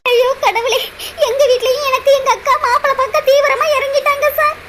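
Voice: very high voice, steady tone, brisk, a bit bright, slight background noise. A woman voicing a timid, anxious young village woman in love in a cartoon, pleading and speaking with a Kanyakumari Tamil accent. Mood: tearful. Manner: pleading, keeps saying sir. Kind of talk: cartoon voice acting.

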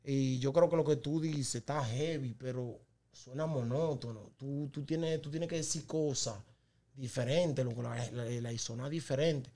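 A man's voice: mid-range voice, unhurried. A man with a Dominican Spanish accent, telling stories as a guest in a casual podcast chat. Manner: storytelling, animated when laughing with the hosts. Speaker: guest rapper.

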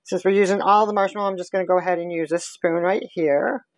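A home cook demonstrates a recipe step by step in her kitchen, chatting casually as she stirs, recorded by a camera sitting on the counter. Her voice is fairly low and steady, she talks fast, and there's noise in the background.

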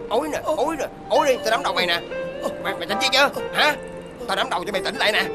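A woman's voice: mid-range voice, lively intonation, over loud music, lightly acted. An actress playing a blunt young woman who scolds a drunk friend. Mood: exasperated. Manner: fast, exasperated scolding.

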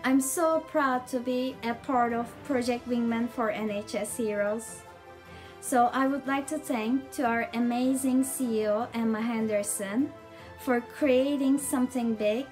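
A woman's voice: fairly high pitch, darkish tone, poor audio. Woman giving a formal, careful thank-you speech. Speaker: award winner. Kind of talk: prepared acceptance speech. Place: bedroom at home. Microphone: video call.

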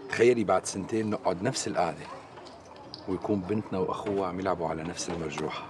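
An actor with a Syrian accent playing an affectionate young husband talking softly. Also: male voice, deep voice, rapid-fire, noisy background, natural voice. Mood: tender. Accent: Syrian Arabic.

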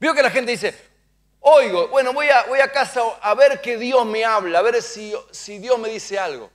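A man preaches to his congregation in a strikingly high-pitched voice. He asks the crowd to repeat after him and stand up. He acts out short dialogues as he tells his stories. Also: normal speed. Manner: preaching with call-and-response to the congregation. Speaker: pastor. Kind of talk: sermon. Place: church sanctuary.

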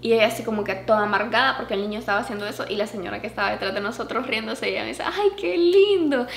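A woman vlogger and mother telling a story casually to her viewers, animated, with a higher pitch whenever she acts out what others said. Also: rapid-fire, vocal fry. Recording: echoey room with faint background noise.

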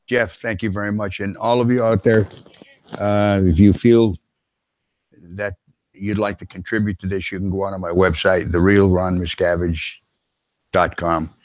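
Older guy hosting a chat show, real low voice, gets choked up, stumbles over words. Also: flat delivery, dry recording. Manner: warm-hearted, emotional, halting restarts. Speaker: podcast host. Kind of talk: casual interview chat.

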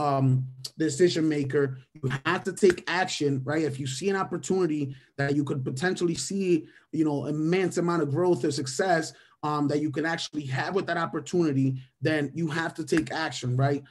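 A native Spanish speaker from Venezuela, a man in his thirties, hosts a motivational mentoring webinar on a video call through a webcam or headset. His voice runs on the high side with a steady tone, normal speed and few pauses. Key phrases come back again and again, and nearly every point ends with a questioning "right?".

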